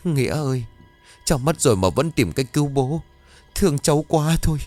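A man's voice: fairly high pitch, lively intonation, rapid-fire, darkish tone, faint music behind, voice pushed up, natural voice. A man voicing a grieving older mother in a ghost story, wailing over her son. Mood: weeping. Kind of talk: audio ghost story reading.

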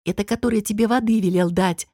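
A sullen young guard from a fantasy audiobook who mumbles bad news with embarrassment, read by a woman. The voice sits mid-pitch. The sound is dry and close. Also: fast, mellow, breathy edge, no echo, natural voice. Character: sullen young man, the other guard brother.

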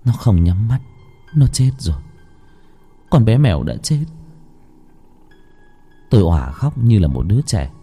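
A man tells a first-person ghost story with strong feeling, his voice dark and mellow. His pitch rises and falls widely as he moves between hushed narration and pleading. Faint music runs quietly beneath him. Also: very animated, measured pace, pauses often, breathy edge. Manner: emotional, swinging from hushed to pleading.

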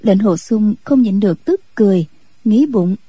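Brief: calm woman story narrator, very dark mellow tone, dry close mic. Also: medium pitch, normal speed, breathy edge, no echo. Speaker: audiobook narrator.

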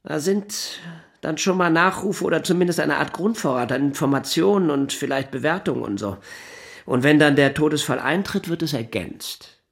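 An actor with a husky, rather high male voice plays a flustered, talkative middle-aged newspaper science editor in a naturalistic radio drama. Defensive in mood, he speaks haltingly, digresses, and breaks off his sentences.

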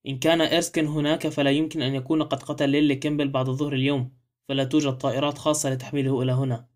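A man voicing a flustered, eager young husband in a read-aloud novel, with quick, questioning delivery. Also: mid-range voice, level tone, close to an everyday voice. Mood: agitated. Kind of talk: audiobook character reading.

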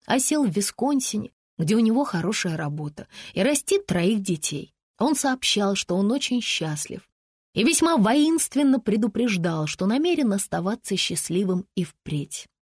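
A woman reading an audiobook in an even, measured way at a middle pitch. The recording is close and dry with no room sound. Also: slightly rough, dry recording. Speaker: audiobook narrator. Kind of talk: scripted narration.

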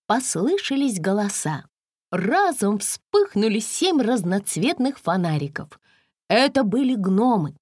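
A woman narrating a fairy-tale audiobook in an expressive, measured storytelling manner. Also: medium pitch, breathy edge, dry recording, studio quality.

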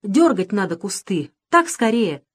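A practical old village grandmother, as a woman reads her, firm and brisk. She gives orders in a plain, matter-of-fact way. Her lines are read from a storybook. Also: medium pitch, big pitch swings, slightly rough.

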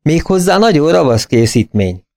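A man voicing a crisp, commanding detective. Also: a little high, very animated, a little mellow, voice pushed up. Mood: dry. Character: sharp, commanding male detective.

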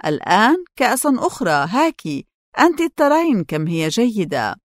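A woman's voice: medium pitch, very animated, a little fast, no echo, clean studio sound, pitched above the performer's own voice, lightly acted. A woman reading an audiobook, voicing a fond older mother figure who speaks in an affectionate, coaxing way.

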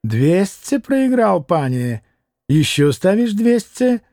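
A man's voice: sits high, big pitch swings, slow, dark tone, dry recording, clean studio sound, pitched above the performer's own voice, full character voice. A man voicing a proud middle-aged Polish nobleman who speaks with a Polish accent in a haughty drawl.

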